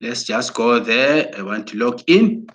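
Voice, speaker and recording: A man giving an excited promotional talk, exhorting listeners and often restarting his words as he goes. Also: medium pitch, a little slow. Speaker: broadcaster.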